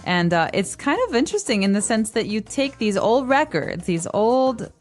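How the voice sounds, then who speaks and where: An American woman co-hosting a casual English-lesson podcast, explaining words slowly and simply for learners. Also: medium pitch, animated, soft background music. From United States. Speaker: podcast co-host.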